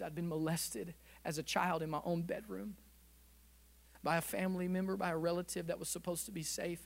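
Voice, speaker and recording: Pastor, male, higher-pitched voice, preaching storytelling sermon with fervent prayer, church sanctuary. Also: creaky.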